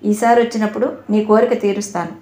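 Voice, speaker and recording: A gentle, earnest young woman from a well-off family, voiced by a woman reading an audio novel. Her voice is even and mid-pitched. A roomy echo hangs around it. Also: quick pace, close to an everyday voice. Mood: cheerful.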